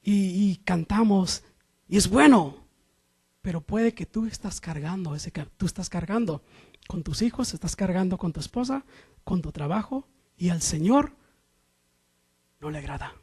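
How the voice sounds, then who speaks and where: A man with a notably high voice preaches a sermon to his congregation. He fires off rhetorical questions and moves between loud, stressed lines and quiet asides. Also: animated, unhurried, pauses often, breathy edge.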